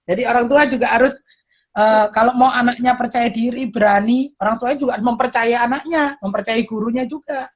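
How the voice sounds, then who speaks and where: A middle-aged woman, a pastor and teacher, chatting casually and lively, acting out parents and children in quick voices and laughing often. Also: fairly high pitch. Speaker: guest speaker, pastor and teacher. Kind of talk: casual chat.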